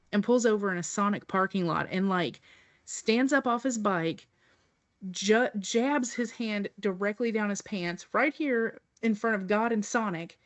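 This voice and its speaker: A woman's voice: medium pitch, no echo. A woman co-hosting a podcast, chatting casually with dry, wry quips. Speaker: podcast co-host. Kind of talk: casual chat.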